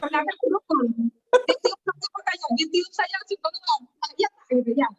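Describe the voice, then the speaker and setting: High-pitched woman guest telling a story, acts out everyone she quotes, sounds far off and kinda dull. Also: normal speed. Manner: animated, acts out quoted voices. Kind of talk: casual storytelling. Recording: distant, dull lo-fi webinar audio.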